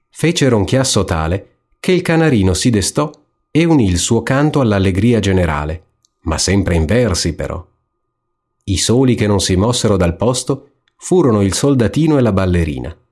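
A man narrating a classic fairy tale aloud in a calm, measured voice. He has a slightly lower pitch than most men, and he tells the story at an unhurried pace.

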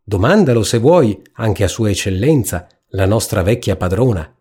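A man's voice: fairly low pitch, animated, moderate pace, warm tone, husky. A man reading a storybook aloud, voicing a fussy, self-important hen who lectures in an ironic, preachy way. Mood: scolding.

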